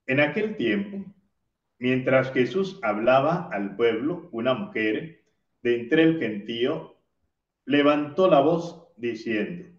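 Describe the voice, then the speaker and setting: A man, a priest, reading the day's gospel and preaching a homily in a slow, measured way. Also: medium pitch. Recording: roomy, distant, dull lo-fi sound.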